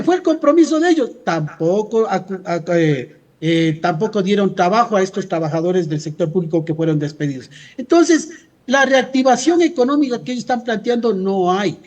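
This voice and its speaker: A man's voice: extremely high pitch, darkish tone. An Ecuadorian man speaking as a union leader in a radio interview, arguing emphatically and often posing rhetorical questions. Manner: emphatic, insistent, rhetorical questions answered himself. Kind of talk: radio interview, argumentative commentary.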